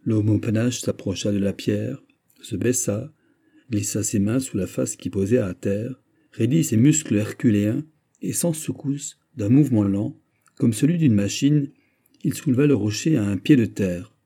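A man narrating a classic novel as an audiobook in a measured reading. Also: lowish voice, warm tone, breathy edge.

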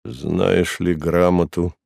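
A man's voice: low-pitched, slow pace, vocal fry, no echo, clean studio sound, heavily acted. A man doing a dull-voiced, weary Roman procurator. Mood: cold. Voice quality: dull, flat voice. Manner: quiet, cold interrogation.

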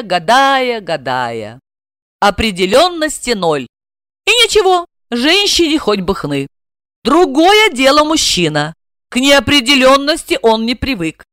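Выразительная рассказчица с насмешливыми ремарками, голос чуть выше среднего, сухая близкая запись. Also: female voice, a little high, no room sound, studio quality. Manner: ironic, lively asides. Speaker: narrator. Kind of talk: expressive ironic storytelling.

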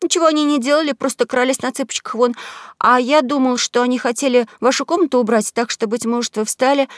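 A woman raises her voice into a wily young boy who chatters eagerly and feigns innocence. His lines come out higher and brighter, from a storybook heard close and dry. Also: steady tone, fast, no echo, natural voice. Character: cunning quick-witted young boy.

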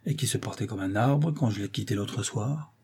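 A man's voice: mid-range voice, moderate pace, warm tone, husky, close to an everyday voice. A man voicing a portly, ambitious older count who questions urgently and anxiously in an audiobook reading.

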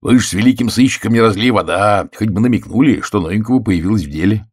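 A man's voice: on the low side, fast, close to an everyday voice. A man reading an audiobook, voicing a bluff, jovial older colonel with a teasing manner.

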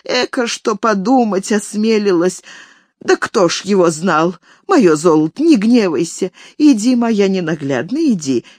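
A woman voicing a shrill, fussy old woman servant who scolds and laments in a broken old voice. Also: sing-song, slow pace, no echo, clean studio sound, full character voice. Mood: pleading.

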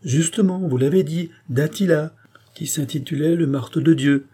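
A cold, scheming occultist, read by a man who lays out his case in long, sweeping, relentless periods. The voice is dark and husky, with a mellow, low warmth under the grandeur. It sounds like an audiobook character reading. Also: moderate pace. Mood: grandiose.

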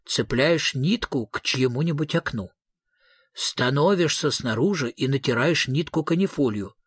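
A man voicing a calm, kindly inventor with a gentle, persuasive manner in an audiobook reading. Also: mid-range voice, measured pace, husky, no room sound, clean studio sound.

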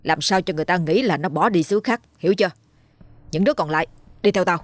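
A woman's voice: lowish voice, fast talker, no echo, natural voice. A woman voicing a ruthless male gang leader who gives curt orders. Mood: commanding. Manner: curt, commanding.

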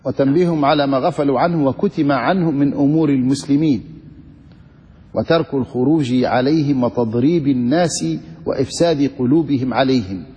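A man reading a classical religious text aloud in steady, formal recitation for a teacher to explain. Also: mid-range voice, brisk. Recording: reverberant hall, dull lo-fi sound.

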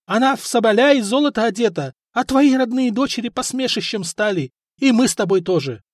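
A man's voice: lively intonation, brisk, no room sound, clean studio sound. A man voicing a spiteful, scheming middle-aged wife of a chieftain who scolds and mocks her husband. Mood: vengeful. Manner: shrill, scolding, mocking. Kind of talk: audiobook character voice.

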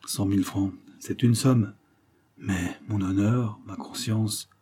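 A man's voice: lowish voice, fairly even intonation, slow, dark tone, breathy edge. A man reading an audiobook, voicing a timid, greedy private detective who stammers and hesitates. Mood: flustered.

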